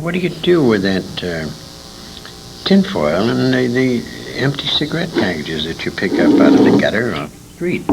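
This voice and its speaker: A man in his sixties, a veteran radio actor born in England and raised in Detroit, reminisces in an interview, telling detailed, emphatic anecdotes full of asides. His voice is fairly low and creaky. The recording is a noisy 1980s convention interview.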